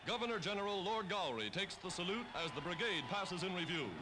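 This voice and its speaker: A man's voice: high voice, expressive, fairly quick, background noise. A man narrating a 1940s newsreel in a dramatic, punchy announcing manner, on an old newsreel recording. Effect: old newsreel recording with music. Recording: old newsreel soundtrack with music under.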